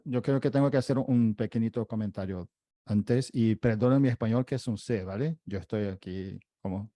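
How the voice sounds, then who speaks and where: A man from Brazil with a Brazilian Portuguese accent in his Spanish, talking casually on a panel in halting, hesitant phrases. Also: medium pitch, warm tone, no room sound, studio quality. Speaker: interpreter and panel co-host.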